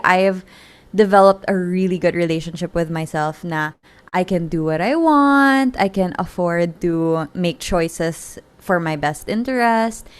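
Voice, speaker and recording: A woman's voice: lowish voice, clean tone. A woman in her twenties with a Filipino accent, hosting a podcast and chatting casually, mixing Tagalog and English and laughing often. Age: 20s. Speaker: podcast host. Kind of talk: casual chat. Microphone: podcast call.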